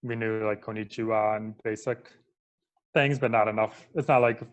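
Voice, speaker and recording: A man from Michigan chatting as a podcast guest, relaxed and full of "like" fillers. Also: lowish voice, normal speed. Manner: relaxed, filler-heavy, lots of "like". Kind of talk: casual interview chat.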